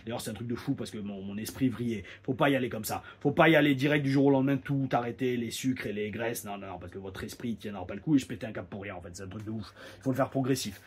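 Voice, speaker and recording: Husky guy rambling through a wrestling story, lively, keeps repeating words, medium pitch. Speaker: former pro wrestler reviewing a show. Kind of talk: casual anecdotal monologue.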